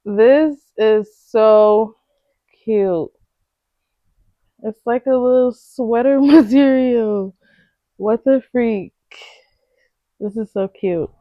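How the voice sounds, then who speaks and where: Young expecting woman, excitable slangy vlogger, slow dry delivery. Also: mid-range voice, no room sound, dull audio. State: pregnant. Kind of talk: casual unboxing chat.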